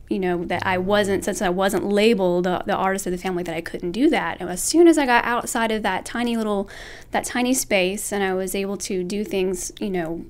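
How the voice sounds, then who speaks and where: A young woman from Alabama, a guest artist, chats casually in an interview. Her mid-range voice sounds earnest and reflective, and she corrects herself as she goes.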